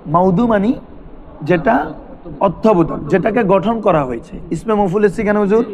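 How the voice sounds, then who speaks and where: High-voiced man teaching a class. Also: moderate pace, crowd noise. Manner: questioning students, repeating terms for them to answer. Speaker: madrasa teacher. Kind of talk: classroom grammar lesson.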